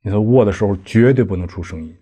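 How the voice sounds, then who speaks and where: A man lecturing on an old text, reading out each line and then explaining it in everyday words. His voice is mellow and slightly husky. He keeps turning to his listeners with questions as he talks. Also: lowish voice, quick pace. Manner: explains line by line with conversational asides and rhetorical questions. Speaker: lecturer on Buddhist practice. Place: lecture hall.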